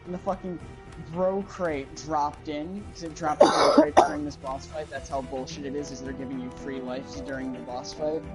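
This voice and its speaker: Young dude gaming with a buddy, jokey, swears, complains, game music playing clearly behind. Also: male voice, fairly high pitch, fairly even intonation, moderate pace. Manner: joking, complains loudly and swears. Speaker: gamer. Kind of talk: casual let's-play chat.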